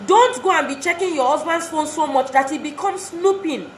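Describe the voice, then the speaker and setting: High-voiced woman giving an earnest talk. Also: moderate pace. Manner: earnest, exhorting, repeats phrases for emphasis. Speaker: speaker addressing wives. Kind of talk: motivational talk. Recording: roomy echo, faint background noise.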